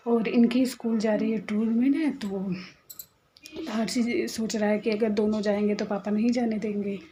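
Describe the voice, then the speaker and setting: A woman's voice: medium pitch, fairly even intonation, normal speed, mellow, slight background noise, rough recording. A woman in her thirties, a mother chatting to camera at home in a casual vlog, telling stories in a gossipy way and sometimes dropping her voice. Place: at home, near the kitchen.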